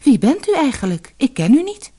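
A woman's voice: high-pitched, very animated, moderate pace, dark tone, voice pushed up. A woman doing a kind, puzzled young man. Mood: earnest. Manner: bewildered, earnest.

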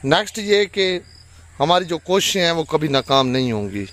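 Devout man speaking gently to viewers. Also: on the high side, sing-song, moderate pace. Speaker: vlogger, husband. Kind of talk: casual chat to viewers. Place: outdoors in a village.

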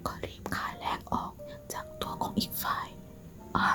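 A woman narrating a story in a soft, spa-like ASMR whisper, in a slow, halting way. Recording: music behind the whisper. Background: music.

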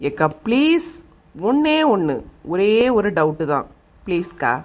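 A woman plays a cheeky young cartoon village woman with a Kanyakumari Tamil accent. Her voice is at a middle pitch and sounds natural. She teases and coaxes in a wheedling, playful way. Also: sing-song, measured pace. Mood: teasing. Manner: teasing, pleading. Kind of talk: animated comedy dialogue.

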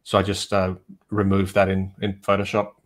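Joining a livestream over a video call, a photographer guest tells easygoing tales about his shoots, his speech full of fillers. The man's voice sits low, and he talks at a normal speed.

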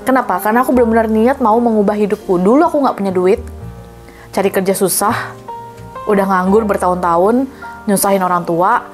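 A woman's voice: mid-range voice, a little fast, soft background music. A young woman coaching viewers in a casual Q&A monologue, chatty and encouraging, dropping English phrases into her talk. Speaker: manifestation coach.

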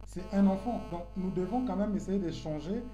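A man's voice: sits high, normal speed, warm tone, muffled recording, slight background noise. A man making his case earnestly in an online debate, repeating phrases for emphasis. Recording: roomy room with clear music behind.

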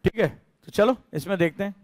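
A man's voice: sits high, fairly quick, no room sound. A man teaching a history class in a conversational lecture style, asking his students questions as he explains.

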